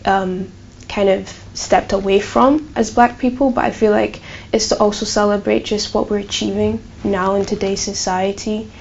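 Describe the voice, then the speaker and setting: This woman from Burundi, in her twenties, speaks with a light Glaswegian accent as a student interviewee, chatty and peppered with "um" and "like." Her medium-pitched voice is creaky and a bit mellow, with the highs cut off and a little noise behind her.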